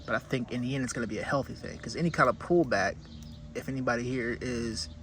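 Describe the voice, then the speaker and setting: Male host, mid-pitched voice, informal opinionated commentary, thinking aloud, clearly noisy recording. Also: fast talker, a bit bright. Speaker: whiskey review host. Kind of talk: casual solo commentary.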